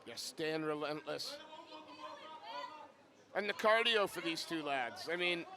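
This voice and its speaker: High-voiced male fight commentator, crowd roaring. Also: sing-song, slow pace. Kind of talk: live sports commentary. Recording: loud crowd at live event. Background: loud crowd.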